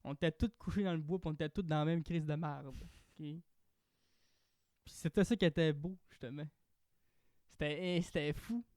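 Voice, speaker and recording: A young man with a Québécois French accent, chatting on a podcast in an animated way and swearing casually. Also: on the high side, moderate pace, pauses often, no room sound, clean studio sound. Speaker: podcast host.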